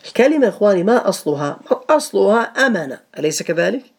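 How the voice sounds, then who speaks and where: A man's voice: high voice, sing-song, quick pace, vocal fry. A man teaching a grammar lesson to students, patiently repeating each rule and asking them questions.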